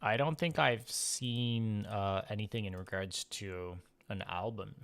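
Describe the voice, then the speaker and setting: A man streaming live and chatting casually about songs, relaxed and rambling with lots of fillers and restarts. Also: lowish voice, a little slow, gravelly, clean tone. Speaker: streamer reacting to music. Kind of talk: casual livestream chat. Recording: loud music playing behind the voice.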